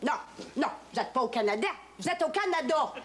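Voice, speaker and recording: An actress playing a brash, earthy housewife with a strong Québécois accent, loud, blunt and teasing. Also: female voice, high-pitched, animated, brisk. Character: brash, earthy Quebec housewife, middle-aged. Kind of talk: 1970s sitcom acting. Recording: old TV audio, hiss, loud laugh track.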